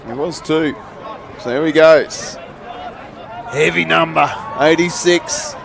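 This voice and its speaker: A man with an Australian accent calling a live football match, excitable and shouting at big moments. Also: on the high side, takes it slowly, gravelly. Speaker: sports commentator. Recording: outdoor ground with loud crowd and noise. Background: crowd and outdoor noise.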